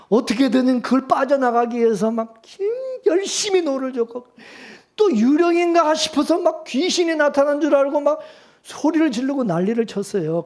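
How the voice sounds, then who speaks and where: A male pastor preaching a sermon, firing rhetorical questions at the congregation and swinging from loud urging to hushed calm. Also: extremely high pitch.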